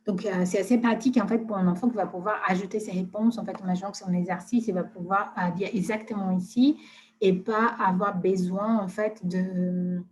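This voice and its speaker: A woman presenting software in a live webinar, talking casually with many hesitations and fillers. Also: medium pitch, a little hiss or hum.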